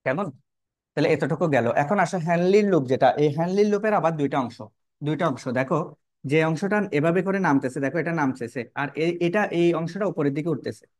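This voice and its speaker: Speaking a little high and fairly fast, this male teacher draws as he covers biology, repeating important terms and asking his class lots of questions. Rhetorical questions and "কেমন?" check-ins punctuate his talk. The sound is clean studio audio without echo.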